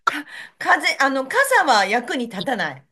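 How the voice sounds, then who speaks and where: A woman hosting a casual chat, listening eagerly with frequent laughs and quick replies. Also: high-pitched, big pitch swings, bright, forceful tone, a little hiss or hum.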